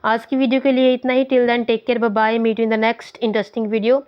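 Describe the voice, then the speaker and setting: A woman with an Indian accent teaching an online English lesson, reading English lines slowly and explaining in Hindi. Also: on the high side, little pitch movement, smooth, highs cut off.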